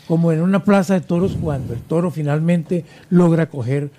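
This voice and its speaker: A man with a high, mellow voice. He argues emphatically in a debate, leaning hard on key words and repeating them for weight. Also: moderate pace, a little hiss or hum. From Colombia. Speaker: debate guest, environmentalist. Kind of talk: heated debate.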